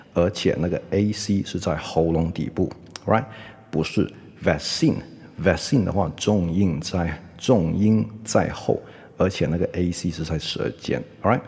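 A man hosting a casual podcast lesson on English pronunciation, mixing Chinese with English fillers and slowly repeating words to model them. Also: low voice, a little mellow, slightly rough, big-room sound.

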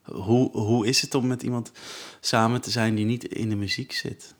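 A man's voice: mid-range voice, level tone, moderate pace. A young man hosting a podcast, chatting casually with many stammers and restarts. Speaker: podcast host. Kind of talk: casual chat.

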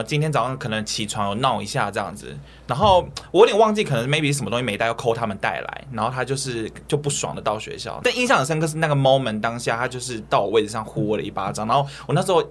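Woman co-host, brisk lively reactions. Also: a bass voice, a little hiss or hum. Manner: reactive, quick remarks and laughs. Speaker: podcast co-host. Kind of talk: casual chat.

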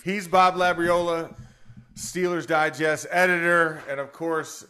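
A man's voice: a little high, level tone, measured pace, bright, forceful tone. A man who is a former offensive lineman, co-hosting a sports radio show in a rambling, chuckling way. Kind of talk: casual sports talk.

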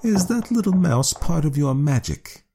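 A man voicing a proud, independent cat in a storybook reading, in a measured, formal cadence. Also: on the high side, very animated, dark tone, slight background noise, pitched above the performer's own voice. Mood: sly. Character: aloof male cat, sly and self-satisfied.

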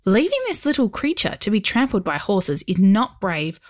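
A woman's voice: medium pitch, big pitch swings, moderate pace, no room sound, studio quality, lightly acted. Woman doing an earnest young miner boy. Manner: earnest, polite. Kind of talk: storybook reading.

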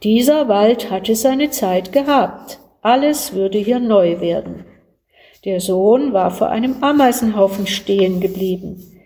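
A woman calmly reading a devotional Christmas story aloud, slow and gentle. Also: medium pitch.

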